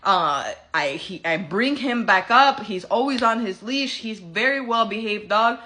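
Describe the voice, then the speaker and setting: Bright-voiced woman telling a sassy story. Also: medium pitch, a little slow. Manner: animated, profane, sassy storytelling. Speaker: vlogger. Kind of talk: casual storytime rant. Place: home.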